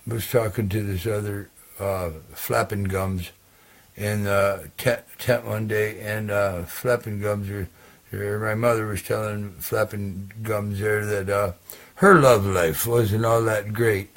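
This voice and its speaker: A man's voice: fairly low pitch, steady tone, slow. A man telling a rambling comic tall tale in character, full of hesitations and crude asides.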